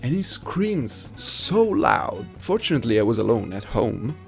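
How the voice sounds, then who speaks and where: With faint music behind him, this video host speaks in a mid-range, creaky voice with big pitch swings and a measured pace. An amateur voice actor, he talks casually to his audience, poking fun at himself, saying things twice and tossing in small tag questions.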